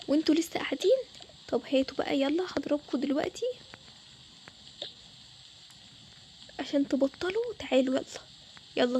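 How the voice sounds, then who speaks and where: A young woman plays a strict Egyptian mother in a toy-game story, loud and threatening as she scolds her kids. The voice sits very high and races along at a rapid clip. Faint noise hums underneath. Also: lightly acted. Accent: Egyptian Arabic. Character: strict yelling mother, short-tempered and threatening.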